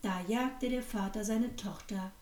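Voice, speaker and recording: A woman's voice: medium pitch, fairly even intonation, unhurried, darkish tone, recorded from a distance. Woman reading a fairy tale in a roomy echo. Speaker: narrator. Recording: echoey room, set back from the mic.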